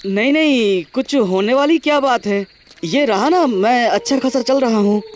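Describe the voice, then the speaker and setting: A man's voice: extremely high pitch, moderate pace, slight background noise. Man doing a stammering scared cartoon coward. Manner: stammering, panicky, comic. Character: jumpy cowardly young man Paltu.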